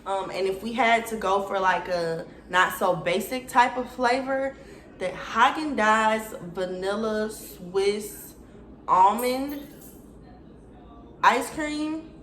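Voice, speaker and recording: This get-to-know-me video features a twenty-something YouTuber from Atlanta, Georgia, USA, with an Atlanta Southern US accent. She talks slowly in a mid-range, slightly bright voice in an echoey room. Chatty and slangy, she speaks casually and directly to her viewers.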